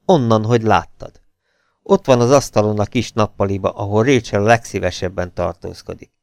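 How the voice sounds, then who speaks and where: A man's voice: lowish voice, fairly even intonation, vocal fry, darkish tone, no echo, studio quality. A man voicing a bitter, angry man who speaks curtly and harshly. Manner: curt, harsh delivery. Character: bitter, angry middle-aged man, curt and cold.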